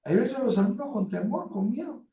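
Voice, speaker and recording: A man's voice: very high-pitched, animated, normal speed, reverberant, recorded from a distance, a crowd in the background. A man giving an online university class. He stretches words out for emphasis, uses many fillers and speaks to his students in a direct, colloquial way. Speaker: university lecturer.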